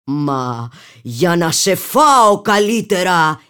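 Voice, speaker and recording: A woman voicing a cunning male wolf pretending to be a sweet grandmother, speaking slowly and drawing out his words. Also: on the low side, very animated, a bit bright, smooth. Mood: menacing. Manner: slow, drawn-out, falsely sweet. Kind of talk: storybook character voice.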